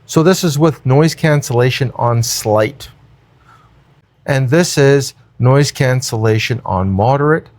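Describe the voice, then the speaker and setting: A man's voice: mid-range voice, a little slow, darkish tone. A man demoing gear, talking step by step through a wireless clip mic with noise cancellation and a voice filter on. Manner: plain, step-by-step explaining. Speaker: gear reviewer. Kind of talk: product demo talk. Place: room with air conditioner running. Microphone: wireless clip mic into phone.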